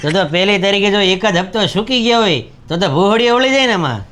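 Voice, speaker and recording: A man's voice: sits high, expressive, a little fast, a bit bright. A man with a Gujarati accent playing a teasing friend visiting in a comedy sketch. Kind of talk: scripted comedy sketch acting.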